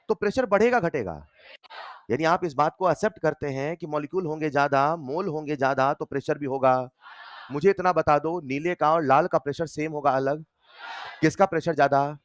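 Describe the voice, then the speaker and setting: A man teaching chemistry in a classroom lecture, animated and constantly quizzing his students with quick questions. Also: a little high, dry recording, studio quality.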